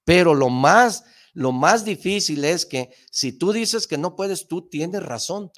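A man hosting a motivational talk show, speaking emphatically with slangy rhetorical questions and bursts of excitement. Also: on the high side, takes it slowly.

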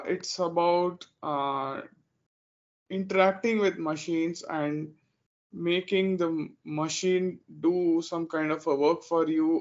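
Indian man, hesitant, dull audio. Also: on the high side. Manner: hesitant, many fillers. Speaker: guest. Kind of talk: interview answers.

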